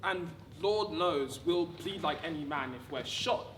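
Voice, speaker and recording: A woman giving a rehearsed dramatic reading of wartime letters, measured, with deliberate pauses. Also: low voice. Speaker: actor reading a monologue. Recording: distant, echoey room with background noise.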